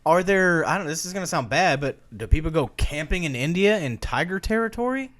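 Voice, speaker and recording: A man's voice: fairly high pitch, expressive, fairly quick, fairly bright tone. A man co-hosting a podcast in casual, joking chat, full of slang. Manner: joking, slangy, slips into mock voices. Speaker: podcast co-host.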